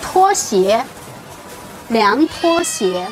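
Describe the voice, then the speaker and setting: High-voiced woman hosting a casual teaching vlog. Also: very animated, drawn-out words, low-quality recording. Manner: names and repeats items for learners. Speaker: vlog host teaching Chinese. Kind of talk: casual market vlog with simple teaching explanations. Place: busy market, on location. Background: music.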